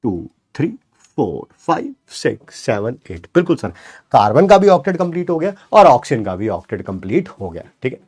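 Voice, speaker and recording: A man's voice: mid-range voice, sing-song, moderate pace, darkish tone, slightly rough. A man teaching chemistry in an online class, encouraging his students, counting aloud and answering his own questions as if he were a student, with English words mixed in. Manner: counts aloud while pointing at the board.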